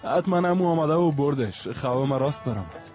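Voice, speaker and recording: A chatty son-in-law, played by a man, gossips and tries to calm his grumpy elder. His voice sits a little high. The dub is dull and lo-fi, with faint music. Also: natural voice. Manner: chatty, placating. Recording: dull lo-fi dubbed film audio with music.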